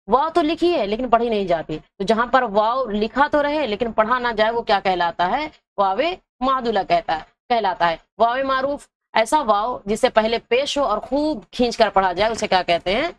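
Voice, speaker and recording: A woman's voice: a little high, expressive. A woman teaching an Urdu exam-prep lesson, asking her own questions and answering them, dragging out example words to show how they sound. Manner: drags out example words to show their pronunciation.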